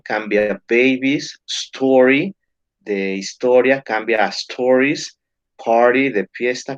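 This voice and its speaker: Slow, patient male teacher, muffled sound. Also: mid-range voice. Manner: slow, patient explaining with frequent check-ins. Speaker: English teacher. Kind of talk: video lesson explaining English grammar.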